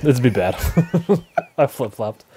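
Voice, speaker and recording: A man co-hosting a casual podcast, animated and joking, with frequent restarts. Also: medium pitch, takes it slowly, slightly rough. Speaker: podcast co-host. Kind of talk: casual chat.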